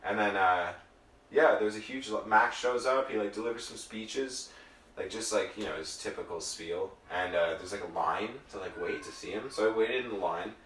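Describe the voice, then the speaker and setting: A man's voice: fairly low pitch, moderate pace, a bit bright. Young guy, co-host, profane storyteller; distant mic in a roomy space. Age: young adult. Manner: swearing storyteller, acts out quotes. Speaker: podcast co-host. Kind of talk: casual chat. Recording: echoey room, far mic, faint noise.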